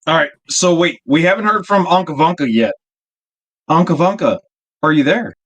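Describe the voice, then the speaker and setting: A man's voice: on the high side, lively intonation, moderate pace, a bit bright, highs cut off. A man hosting a casual live stream from his home workshop, brash and swearing freely. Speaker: stream host. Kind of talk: casual chat.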